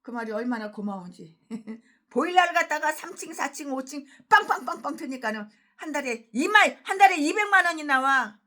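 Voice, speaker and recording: A woman pastor preaching an expository sermon in a blunt, colloquial way, jumping from loud emphatic outbursts to low asides. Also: lively intonation, normal speed. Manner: blunt and colloquial, laughs between points.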